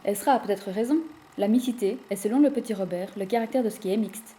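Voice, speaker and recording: Dark-toned woman narrating. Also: medium pitch, slight background noise. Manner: measured, explanatory. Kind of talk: scripted narration.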